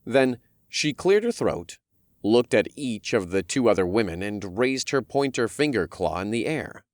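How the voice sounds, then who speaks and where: A man's voice: on the low side, sing-song, unhurried, no echo, clean studio sound. A man narrating a fantasy audiobook in the first person, with wry storytelling.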